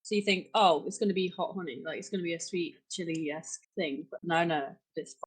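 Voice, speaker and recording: A woman's voice: lowish voice, steady tone, brisk, a little hiss or hum. A woman chatting in a rambling way with friends. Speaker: player. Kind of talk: casual chat.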